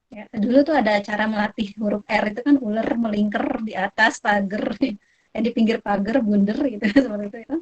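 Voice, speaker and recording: A woman from Indonesia answering parents' questions in a webinar, relaxed and chatty, with many fillers and soft laughs. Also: medium pitch, brisk. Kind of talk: live webinar Q&A on child development. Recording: dull lo-fi online call audio.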